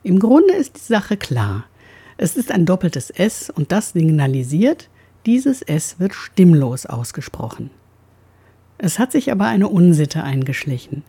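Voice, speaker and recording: A woman's voice: on the low side, big pitch swings, a little slow, mellow, breathy edge. A woman giving a precise talk on pronunciation, who says the sounds aloud as she explains them.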